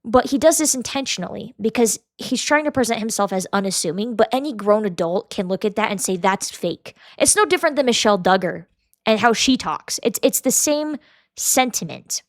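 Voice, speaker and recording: A woman's voice: on the high side, a little fast, no room sound, studio quality. Blunt, profane young woman host. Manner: blunt, profane, animated, mocking impressions. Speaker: podcast host. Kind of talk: casual commentary.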